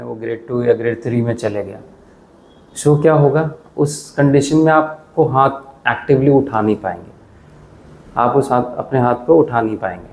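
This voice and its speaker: A physiotherapist who explains shoulder tests patiently and counts exercise reps aloud. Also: male voice, medium pitch, creaky, a little mellow, a little hiss or hum. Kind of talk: health explainer lesson.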